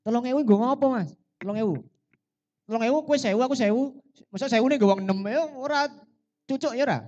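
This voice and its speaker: A man's voice: extremely high pitch, fast talker, a little mellow, dull audio. A man with a Javanese accent emceeing a live music night in a coffee shop, teasing his co-host and mixing formal announcements with banter. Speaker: event MC. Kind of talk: joking live event banter.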